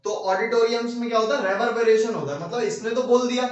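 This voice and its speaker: A male teacher giving a classroom lecture with a Hindi accent, repeating phrases and checking in with his class, slowing down to dictate notes. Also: extremely high pitch, lo-fi sound. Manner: repeats phrases, keeps asking "ठीक है"; slows down while dictating notes. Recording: very echoey room, mic far off.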